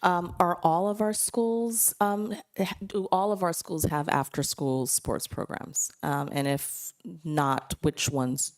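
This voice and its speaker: Woman, 40s, low voice, chatty board member remarks, many fillers. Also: fairly even intonation, takes it slowly, hardly any pauses. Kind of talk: meeting remarks. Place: district board meeting room.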